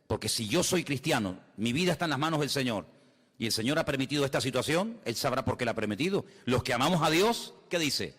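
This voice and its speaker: A man's voice: medium pitch, expressive, quick pace, fairly bright tone, breathy edge. Man preaching in a reverberant hall. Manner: dramatic preaching with acted-out quotes. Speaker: pastor. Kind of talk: sermon.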